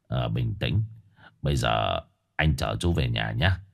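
A man voicing a flustered middle-aged office boss who stammers and speaks in a hushed, placating tone. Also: mid-range voice, wildly swooping pitch, a little fast, slightly rough, heavily acted. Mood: soothing.

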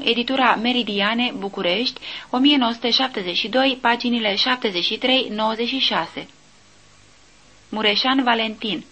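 A woman with a somewhat high voice reads a nonfiction audiobook aloud. She moves through long reference lists at a slow, measured pace, giving each entry the same steady weight. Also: low-quality recording. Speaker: audiobook reader.

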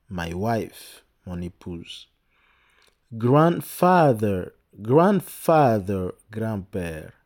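Slow, deep-voiced male English teacher. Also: dark tone. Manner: repeats words slowly for pupils to copy; hesitant, with fillers and restarts. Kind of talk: slow language lesson.

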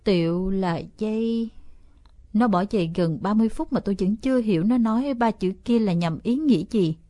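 A woman reading a first-person story aloud as an audiobook narrator, steady and expressive. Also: mid-range voice, quick pace, no echo, clean studio sound.

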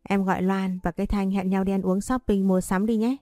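A woman's voice: mid-range voice, flat delivery, brisk, dark tone, no echo, studio quality, close to an everyday voice. A woman voicing a teasing, confident young husband in a spoken story. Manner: playful, teasing.

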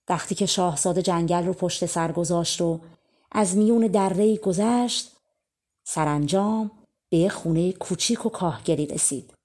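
A woman with a fairly low voice reads a fairy tale aloud as an audiobook narrator. She tells it gently, in an easygoing storytelling way. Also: breathy edge. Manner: gentle storyteller, colloquial Persian.

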